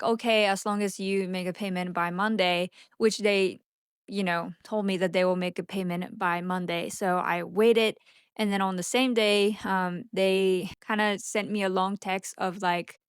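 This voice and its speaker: In a studio-quality clip with no room sound, a woman with a clear, resonant mid-range voice talks casually to camera, unscripted and candid. She runs a social media marketing agency, vlogs, speaks Japanese natively, and occasionally stumbles over her words.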